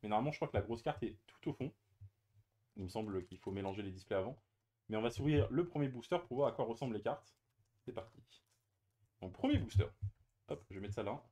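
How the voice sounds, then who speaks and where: A man's voice: lowish voice, expressive, fast, pauses often, mellow, a little hiss or hum. A man chatting casually as he opens trading card boosters on camera, hesitant with many fillers and restarts. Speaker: card-opening YouTuber. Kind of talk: casual unboxing commentary.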